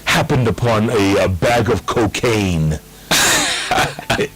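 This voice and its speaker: A man's voice: on the low side, slow pace, breathy edge, poor audio. A man, hosting a casual conversational interview. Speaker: interviewer, host.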